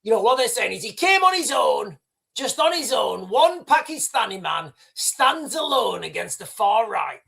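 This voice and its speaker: Speaking at normal speed in a high, sing-song voice that's creaky and sharp, a livestream host riffs over video clips. He talks directly to his "guys," rambling, often restarting and dropping "right."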